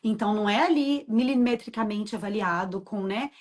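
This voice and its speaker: Husky-voiced woman explaining passionately. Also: mid-range voice, a little fast. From Brazil. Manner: passionate, emphatic explaining with affirming fillers. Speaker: host and childbirth educator. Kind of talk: casual interview chat.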